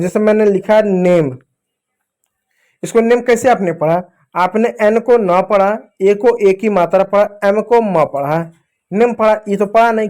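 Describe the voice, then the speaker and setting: A man with a high voice gives a phonics lesson to children. He asks and answers his own questions and slows down as he spells out each letter. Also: a little mellow. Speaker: English reading teacher.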